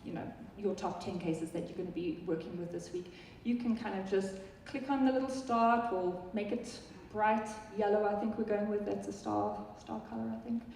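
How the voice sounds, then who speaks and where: The South African software presenter, speaking with a South African accent, chats through a live product talk with many ums and restarts and almost no pauses. Her medium-pitched, darkish voice has vocal fry and a normal speed, captured distantly in an echoey hall with slight background noise.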